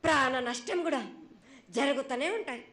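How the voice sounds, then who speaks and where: High-pitched woman in a prophetic trance. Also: moderate pace, fairly bright tone. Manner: prophetic trance voice, chanting short broken phrases; stern, repetitive, admonishing. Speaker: oracle delivering temple festival prophecy. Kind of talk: trance prophecy, speaking as a goddess. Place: temple festival.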